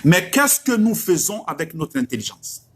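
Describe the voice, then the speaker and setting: A middle-aged preacher speaks. His husky voice sits high and leaps with lively swings of pitch. He drives his point home through repeated rhetorical questions. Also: normal speed. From West Africa. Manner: emphatic, rhetorical questions, repeats lines for effect. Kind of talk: religious exhortation.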